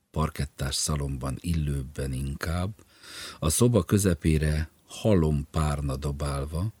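A man narrating an audiobook in a measured, grave manner. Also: rumbling low, darkish tone, slightly rough, no room sound.

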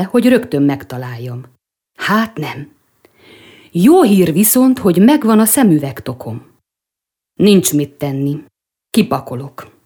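A woman reading a first-person prose piece in a calm, measured, wry way. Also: sits low. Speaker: reader of a short prose piece.

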